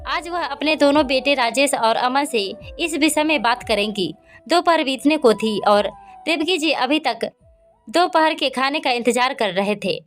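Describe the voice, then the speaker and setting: A woman narrating a scripted story and reading every character's lines in her own voice. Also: high-pitched. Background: soft background music.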